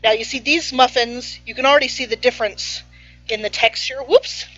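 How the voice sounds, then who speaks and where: Pushed and bright, with a voice on the high side at a moderate pace, a woman hosts a casual home-kitchen cooking stream as a baking show host, chatty and playful and sometimes talking with her mouth full. There's no room sound, but the audio is slightly muffled and faint music plays behind.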